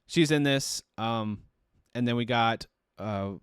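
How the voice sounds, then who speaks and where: A man's voice: mid-range voice, slow pace, clear, resonant tone, no echo, clean studio sound. A man co-hosting a podcast, chatting casually and rambling through a movie recap, with plenty of fillers and restarts. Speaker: podcast co-host. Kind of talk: casual chat.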